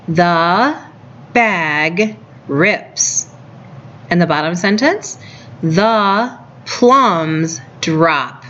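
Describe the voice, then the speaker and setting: A woman's voice: mid-range voice, fairly bright tone. A woman teaching a reading lesson to young children, giving simple step-by-step instructions as a teacher. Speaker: early-grades reading teacher. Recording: dull, lo-fi sound.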